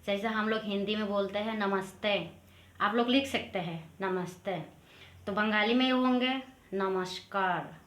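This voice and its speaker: A woman from Assam giving a casual spoken language lesson, explaining each phrase and repeating it slowly. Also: mid-range voice, a bit bright. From Assam, India. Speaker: language teacher. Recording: roomy echo.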